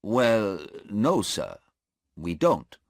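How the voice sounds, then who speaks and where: Nervous polite airport cop on the stand, played by a man, slow, says sir a lot. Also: fairly low pitch, huge pitch swings, no echo, clean studio sound, pitched above the performer's own voice, exaggerated voice. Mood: hesitant. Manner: hesitant and deferential, says sir. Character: hesitant polite male airport policeman.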